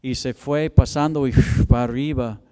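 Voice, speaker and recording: A man's voice: mid-range voice, fairly even intonation, mellow, clean tone. A man pastor preaching a sermon and telling a personal story with emotion. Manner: storytelling, emotional, slow and deliberate. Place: church chapel. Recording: long hall reverb.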